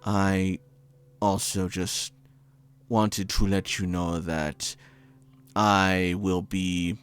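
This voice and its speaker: Man voicing a tender man on voicemail, low pitch, very slow, halting formal phrasing, tabletop game character, faint music behind. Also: flat delivery, clear, resonant tone. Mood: tender, awkward.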